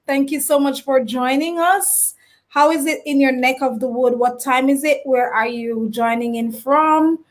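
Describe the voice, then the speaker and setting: A woman hosting a casual live stream interview, animated as she greets viewers and reads out their comments. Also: high voice, unhurried.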